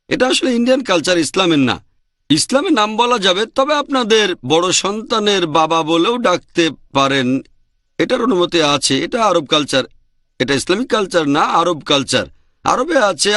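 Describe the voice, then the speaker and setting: A man's voice: sits high, pushed and bright, no echo, clean studio sound. A man answering audience questions in a lecture, repeating his points with emphasis.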